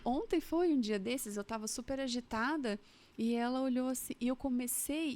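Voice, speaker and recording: A Brazilian woman therapist talks in a somewhat high voice, explaining patiently and slowing on key points. The tone is relaxed conversation. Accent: Brazilian Portuguese. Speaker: guest therapist. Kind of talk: casual podcast conversation.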